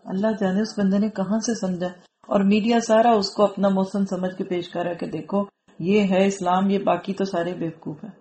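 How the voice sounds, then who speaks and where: A woman's voice: mid-range voice, level tone, warm tone. A woman from Pakistan giving a Quran commentary lecture, earnest and admonishing, reciting Arabic verses and explaining them. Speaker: Quran teacher. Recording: roomy echo.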